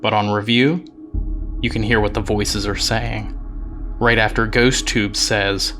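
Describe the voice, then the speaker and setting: A man giving an even, explanatory voice-over while reviewing investigation footage. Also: fairly low pitch, unhurried, soft background music. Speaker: narrator.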